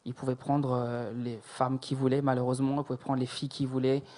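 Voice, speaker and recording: Hesitant dark-voiced man in his forties. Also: mid-range voice, level tone. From France. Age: 40s. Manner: measured, hesitant, many fillers. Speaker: guest giving testimony. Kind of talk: personal testimony.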